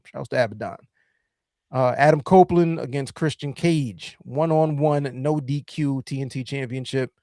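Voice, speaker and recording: A man's voice: medium pitch, normal speed, dark tone, no echo, clean studio sound. A man hosting a wrestling podcast, chatting casually and rambling with lots of fillers. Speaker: podcast host. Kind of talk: casual chat.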